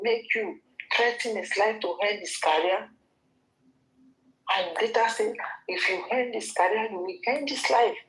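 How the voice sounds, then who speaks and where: Her voice medium-pitched and a bit bright, a Nigerian-accented gossip commentator delivers an opinion vlog on a rough-sounding recording. She talks straight to the woman she's criticizing, scolding her.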